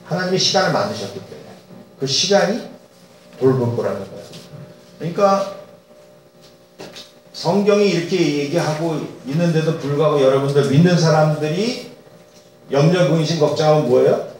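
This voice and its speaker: Male pastor, slightly high voice, expressive sermon delivery, recorded far off in a reverberant church. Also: moderate pace, pauses often. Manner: animated, rhetorical questions, acts out voices. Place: church sanctuary. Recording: echoey church hall, distant mic.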